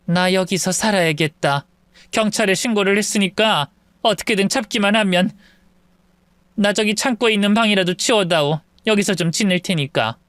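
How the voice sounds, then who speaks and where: A narrator voicing a wailing, self-pitying elderly mother who accuses her son in a shrill, tearful way. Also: moderate pace, fairly bright tone, no echo, natural voice. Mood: pleading. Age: older.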